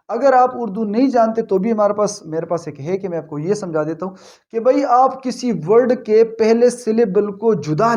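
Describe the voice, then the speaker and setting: A man's voice: sits high, a little mellow. A man teaching a grammar lesson, who explains patiently, repeats his points and checks that his students follow.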